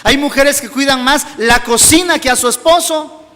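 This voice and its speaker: A man, a pastor preaching a sermon and telling a personal story in soft, low tones. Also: normal speed, long reverb tail. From Mexico. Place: church hall.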